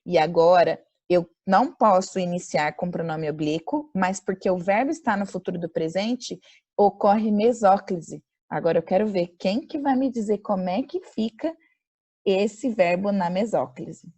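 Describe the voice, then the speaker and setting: A woman with a Brazilian accent teaching an online grammar class over a video call. She slows down to dictate example sentences and quizzes her students. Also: mid-range voice, expressive, mellow, husky. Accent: Brazilian Portuguese.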